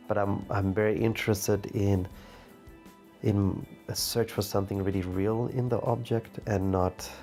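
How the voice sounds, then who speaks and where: A man's voice: lowish voice, gravelly, warm tone. A man from Zimbabwe, an artist and art teacher, speaking thoughtfully in a documentary interview and searching for his words.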